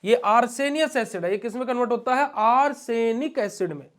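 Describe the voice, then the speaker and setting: A young man with a high voice teaches a pharmacy class. He keeps asking the students a question and then answering it himself, in an affectionate, coaxing teacher's manner. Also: normal speed, a bit bright. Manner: asks questions and answers them himself, calls students "beta ji". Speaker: pharmacy lecturer. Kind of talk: classroom lecture.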